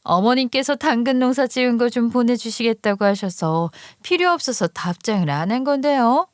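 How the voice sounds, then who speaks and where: A curt, dismissive young wife, read out by a woman who brushes people off and boasts about herself. Her voice sits a little high and sounds close and dry, with no room around it. It plays as acted dialogue in a narrated story. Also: animated, moderate pace, clear, resonant tone, no room sound, lightly acted.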